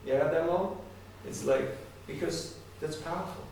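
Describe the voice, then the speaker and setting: In a slightly high, creaky voice with a darkish tone, a man speaks at a moderate pace, giving a conversational devotional talk and questioning his audience directly. A distant mic catches him in an echoey hall, along with faint noise.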